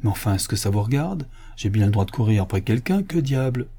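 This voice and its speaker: Man reading a sulky young clerk, defensive, dark mellow tone, audiobook. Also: lowish voice, big pitch swings, fairly quick, husky, exaggerated voice. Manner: sullen and defensive. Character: sullen, cornered young male bank clerk. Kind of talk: audiobook character voice.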